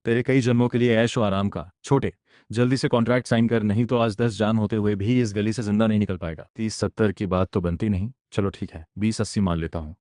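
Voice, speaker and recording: A man with a fairly low voice tells a fantasy comic story in a dramatic recap, acting out each character's lines in turn. He is recorded close to the mic in a dry room with no echo. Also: darkish tone. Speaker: recap narrator. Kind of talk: dramatic manhwa recap voicing all characters.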